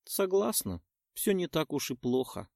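Guy doing a smug scheming summer queen, higher voice, bouncy pitch, dry sound. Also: very animated, measured pace, creaky, a little mellow, no echo, full character voice. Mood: amused, scheming. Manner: mocking, self-satisfied.

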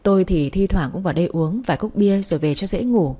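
A woman reading the part of a kind young man who coaxes and pleads gently, in an audiobook. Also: lowish voice, fast talker, breathy edge. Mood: gentle. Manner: coaxing, pleading.

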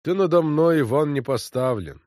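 Man doing a grim bald deacon, stubborn and flat, muttering, dry close sound. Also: on the high side, moderate pace, no echo, natural voice.

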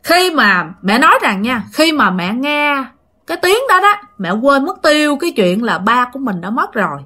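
This woman runs a ghost-story channel, telling stories in a chatty, filler-heavy way addressed directly to her listeners, with a Southern Vietnamese accent. Her voice sits high and sounds pushed and bright, very animated, at a moderate pace.

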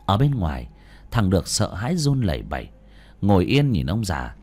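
Dramatic man narrating, wildly expressive. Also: sits low, normal speed, breathy edge. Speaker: audiobook narrator.

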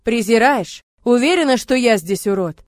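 A woman's voice: a little high, lively intonation, normal speed, dry recording, studio quality, voice pushed up, close to an everyday voice. A woman voicing a tense young man who speaks firmly and with restraint.

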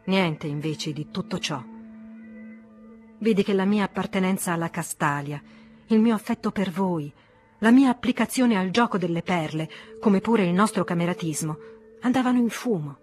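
A woman's voice: on the low side, moderate pace, a little mellow, faint music behind, natural voice. A woman reading the part of an agitated, worldly middle-aged man who reproaches an old friend, in an audiobook. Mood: reproachful. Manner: reproachful, emotionally charged.

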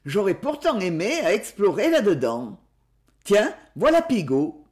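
A man's voice: sits high, huge pitch swings, a little slow, darkish tone, exaggerated voice. A man reading as a cheerful eager teenage boy.

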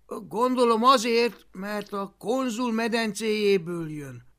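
A woman's voice: mid-range voice, a bit bright, pitched above the performer's own voice, natural voice. A woman voicing an earnest young Viking boy hero who speaks eagerly. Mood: puzzled.

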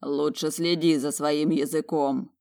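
A woman's voice: low-pitched, fairly even intonation, unhurried, a little mellow. A woman reading an audiobook, voicing a proud, hot-tempered young male dragon general who growls his words through clenched teeth. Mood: threatening.

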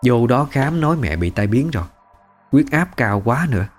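A man's voice: medium pitch, very animated, moderate pace, soft background music. A man with a Southern Vietnamese accent narrating a first-person family story in a conversational, emotive way.

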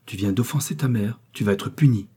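A man's voice: fairly low pitch, moderate pace, husky. A man voicing a young mother who speaks firmly and with cold disdain. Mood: stern. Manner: gentle turning stern. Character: young mother, gentle but firm.

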